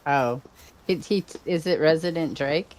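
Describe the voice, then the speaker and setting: A woman's voice: low-pitched, measured pace, a little mellow, slight background noise. An older woman streaming a video game, chatting casually and rambling, often trailing off mid-sentence. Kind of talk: casual gameplay chat.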